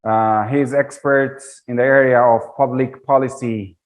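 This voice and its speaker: A man's voice: mid-range voice, steady tone, normal speed. A man hosting a TV interview who speaks in a formal manner with frequent hesitations. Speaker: TV interview host.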